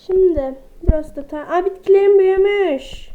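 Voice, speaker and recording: High-voiced woman chatting through gameplay. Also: moderate pace. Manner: chatty, talks to viewers as friends, exclaims at animals. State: slightly under the weather. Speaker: gaming vlogger. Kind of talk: casual gameplay commentary. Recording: dull lo-fi recording with faint noise.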